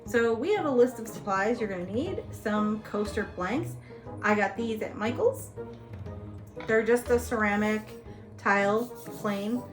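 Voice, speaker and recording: A woman's voice: a little high, unhurried. A woman hosting a spooky craft tutorial in a playful, conversational horror-host manner. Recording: music playing behind the voice. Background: music.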